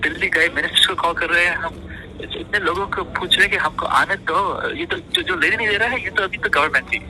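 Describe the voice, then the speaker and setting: A man speaks over a noisy phone line, his voice high and very bright. He talks haltingly, repeating words and slipping English terms into his speech. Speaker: interviewee. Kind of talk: phone interview.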